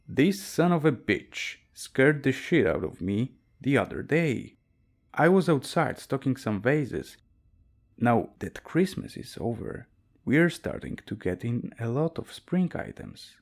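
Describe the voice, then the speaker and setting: A man reading a horror story aloud as a narrator, with a dry, wry storytelling delivery. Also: mid-range voice.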